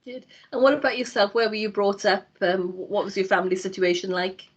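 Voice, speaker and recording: A woman's voice: medium pitch, steady tone, brisk. A woman interviewer politely introducing and putting questions to a guest. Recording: slightly dull, lo-fi audio.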